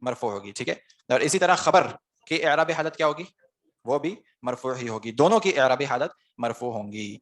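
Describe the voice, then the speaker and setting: This male teacher's voice sits at medium pitch, fairly bright, with lively intonation. He walks through Arabic grammar step by step in an online class, posing questions to students before supplying the answers himself.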